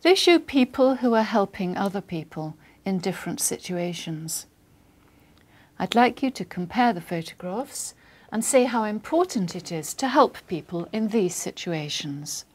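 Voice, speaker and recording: A woman's voice: mid-range voice, expressive. Formal woman examiner giving instructions. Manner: formal, measured, polite. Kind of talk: scripted exam instructions.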